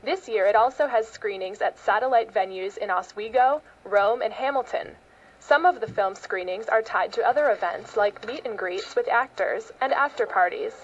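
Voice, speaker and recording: A woman's voice: a little high, normal speed, dull audio. An American woman reading a scripted news feature as a public radio host and reporter.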